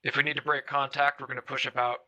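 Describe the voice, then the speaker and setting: A man's voice: mid-range voice, level tone, fast, pushed and bright. A man planning squad positions over gaming voice chat.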